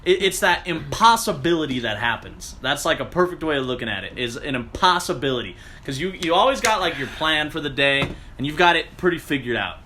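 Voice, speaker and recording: A man's voice: a little high, lively intonation, a little fast, few pauses, bright, forceful tone, a little hiss or hum. A man in casual chat, laid-back and profane, chuckling as he reflects.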